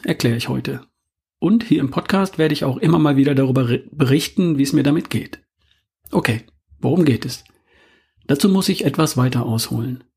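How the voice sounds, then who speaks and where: A middle-aged man hosting a podcast, delivering a calm, measured, scripted monologue. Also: mid-range voice, breathy edge. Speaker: podcast host.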